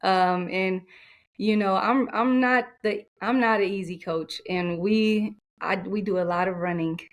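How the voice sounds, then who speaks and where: A soft-spoken woman coach talking in an interview, with many fillers and restarts. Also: mid-range voice, fairly even intonation, a little slow. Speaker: coach, podcast guest. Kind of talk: conversational interview.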